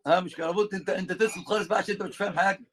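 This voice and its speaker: An Egyptian-accented man gives a religious lesson, lively and joking with his students as he moves between colloquial and formal Arabic. His voice sits high and he talks at a racing speed.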